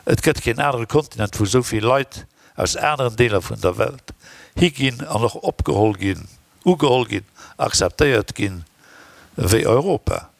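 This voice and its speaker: Brief: man, low gravelly voice, dry close sound, opinionated conference panelist. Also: expressive, moderate pace, no room sound. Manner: opinionated, conversational. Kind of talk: conference discussion. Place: conference hall.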